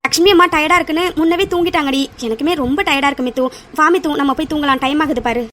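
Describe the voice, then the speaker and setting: A woman doing a fast-talking fiery cartoon girl. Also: high-pitched, fairly even intonation, pushed and bright. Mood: tired coaxing. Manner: rapid ranting, teasing and scolding. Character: chatty, hot-tempered young woman, loyal best friend.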